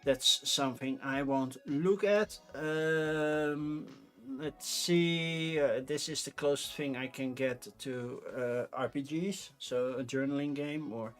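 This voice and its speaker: Reviewing board game crowdfunding on his livestream, a man with a Dutch accent, a native Dutch speaker, chats loosely and thinks out loud. He talks unhurriedly in a mid-range voice over soft background music.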